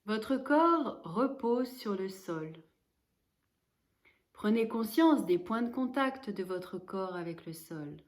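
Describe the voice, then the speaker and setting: This medium-pitched woman serves as a yoga nidra instructor, guiding relaxation with calm, measured directions and deliberate pauses.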